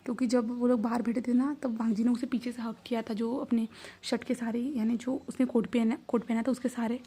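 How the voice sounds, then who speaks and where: A woman narrating a romance story in a relaxed, rambling way, often dropping to a near whisper. Her voice sits a bit high, with a mellow, breathy tone. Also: fairly quick. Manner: soft, half-whispered, rambling retelling. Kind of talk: casual story retelling.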